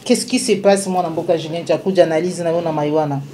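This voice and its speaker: A woman hosts a news talk show, briskly moving between topics and putting questions to her guest. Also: low-pitched, steady tone, warm tone, slight background noise. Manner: switches between French and Lingala, brisk questioning. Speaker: host.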